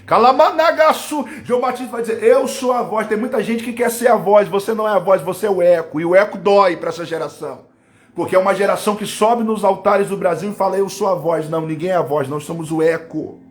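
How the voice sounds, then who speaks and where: A man with a Brazilian Portuguese accent preaching a live-streamed Pentecostal sermon, fervent, swinging between loud bursts and low asides and breaking into tongues. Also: quick pace. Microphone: webcam or phone on a live stream.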